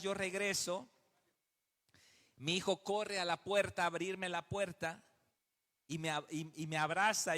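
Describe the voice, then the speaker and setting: Mexican pastor teaching leaders, slightly high voice, takes his time, big reverb hall. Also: fairly bright tone. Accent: Mexican Spanish. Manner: storytelling, acts out dialogue, explains step by step.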